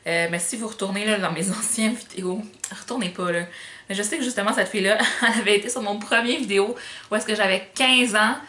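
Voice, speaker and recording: A woman's voice: medium pitch, fast, sharp tone. Young female vlogger, light island Québécois accent, informal filler-heavy chat, roomy echo. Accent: Magdalen Islands Québécois French, light. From Magdalen Islands, Quebec. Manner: chatty, informal slang, many fillers. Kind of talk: casual Q&A chat to camera.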